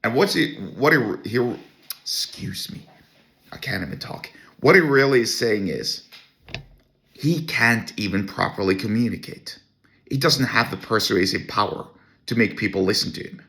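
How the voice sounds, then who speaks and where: A Norwegian-accented podcast host rants solo with blunt scorn, restarting his sentences many times. His voice is lowish, creaky, bright and forceful, animated and moving at a moderate pace as he airs his opinions.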